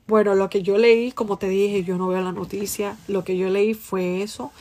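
A woman talks straight to her livestream audience in a loose, casual chat. She speaks with real passion and stresses her points hard. Her voice sits at an ordinary middle pitch for a woman. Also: fairly even intonation, normal speed, darkish tone. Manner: passionate, emphatic, addresses viewers directly. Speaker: livestream host answering viewer comments.

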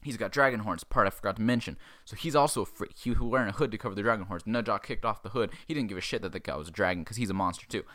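A young man rushes through a rambling, foul-mouthed retelling of a film's plot, briefly doing the characters' voices as he goes. His voice sits a little low and he talks very quickly. The sound is dry and close, with no room echo. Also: fairly bright tone. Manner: rambling, profane, jokey, acts out quoted characters. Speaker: podcast host. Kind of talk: casual profane movie recap.

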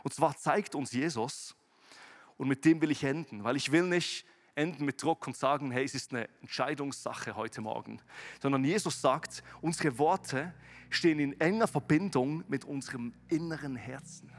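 A man preaching a sermon to his congregation and leading a closing prayer. He moves between quiet, low passages and loud, emphatic rises, speaks straight to his listeners and slips English words into his German. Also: moderate pace. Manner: addresses listeners directly and calls out to the congregation. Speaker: pastor. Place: church service, streamed to several sites.

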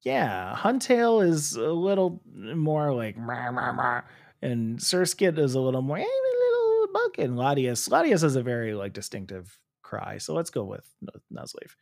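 A man's voice: mid-range voice, very animated, moderate pace, gravelly, few pauses, a little mellow. A young man playing a guessing quiz and chatting casually, hesitant and playful, sometimes imitating sounds. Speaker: quiz player. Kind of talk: casual chat.

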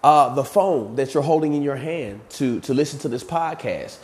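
A man's voice: on the high side, normal speed, a little mellow. A man hosting a motivational podcast on leadership, a bit out of breath, talking earnestly in a repetitive preaching cadence with fillers. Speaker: podcast host and motivational coach.

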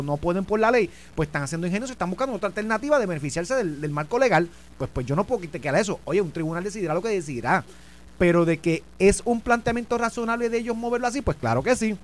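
A middle-aged man with a Puerto Rican accent hosting a political talk show, animated and argumentative. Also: high voice. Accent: Puerto Rican Spanish. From Puerto Rico. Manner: animated and argumentative, talks over his co-host. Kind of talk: political commentary chat. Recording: faint background hum.

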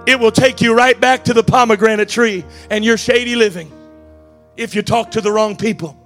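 A man preaching a Pentecostal-style church sermon in an impassioned, declamatory way, often shouting and repeating phrases for emphasis. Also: high voice, steady tone, normal speed, soft background music. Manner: emphatic repetition for effect.

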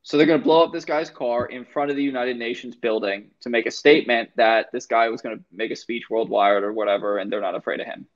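A man's voice: medium pitch, fairly even intonation, quick pace, few pauses, lo-fi sound. A man in casual chat, animatedly retelling a film plot with emphatic recaps.

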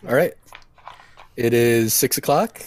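A man running a tabletop game as game master, narrating in a relaxed way with frequent laughter. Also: mid-range voice, slow.

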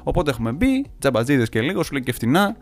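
Animated young man telling a story. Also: mid-range voice. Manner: animated storytelling, acts out quoted lines. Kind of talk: casual chat, telling an anecdote.

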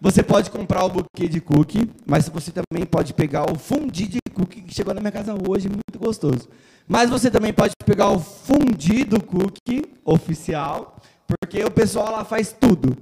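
Man, high gravelly voice, loud and joking, casual talk-show storyteller. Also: moderate pace. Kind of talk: casual chat.

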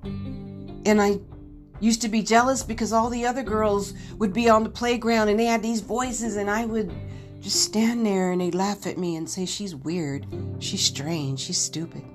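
A middle-aged woman speaks alone on her podcast, telling her own story in a candid, earnest and reflective way. Her voice sits at an ordinary middle pitch. Soft music plays quietly under her words. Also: steady tone, moderate pace. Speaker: podcast host. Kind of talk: personal storytelling monologue.

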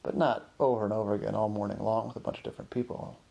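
As host of a story podcast, a man improvises a rambling, conversational story, voicing characters' remarks in an exasperated manner. He speaks very fast in a lowish, steady, mellow voice with some creak.

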